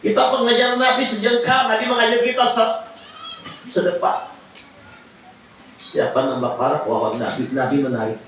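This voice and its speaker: A man preaching a sermon, lively and jokey, often rising into high pleading cries. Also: moderate pace, long pauses, a little hiss or hum. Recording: echoey hall from far off.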